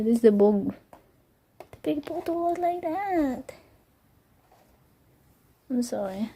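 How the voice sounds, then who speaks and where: Slow, gravelly-voiced woman gushing over little things. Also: medium pitch, background noise. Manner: excited, gushing, often drops to whispers. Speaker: vlogger. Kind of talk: casual unboxing vlog. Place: home, bedroom at night.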